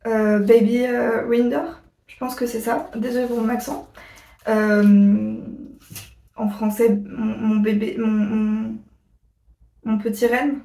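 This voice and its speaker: Woman vlogger, higher voice, chatty and rambling, echoey room, a bit far from the mic. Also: level tone, vocal fry, dark tone. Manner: chatty, rambling, often pausing on fillers. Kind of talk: casual chat to camera.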